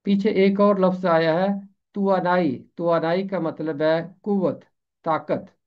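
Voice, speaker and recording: A man teaching Urdu pronunciation, repeating each word slowly and carefully and explaining what it means. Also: on the high side, steady tone. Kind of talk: slow deliberate Urdu pronunciation lesson. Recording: dull lo-fi recording.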